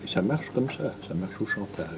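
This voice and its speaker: A man talking informally and haltingly, repeating himself for emphasis, secretly recorded on a hidden mic. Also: lowish voice, lively intonation, heavy background noise. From Belgium. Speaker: interviewee, former political go-between.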